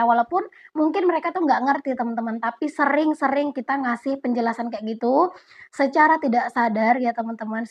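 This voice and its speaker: Relaxed, chatty young woman vlogger. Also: on the high side. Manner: relaxed, chatty, often addresses viewers directly. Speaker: vlogger answering viewer questions. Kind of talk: casual Q&A chat. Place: home. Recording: dull lo-fi audio.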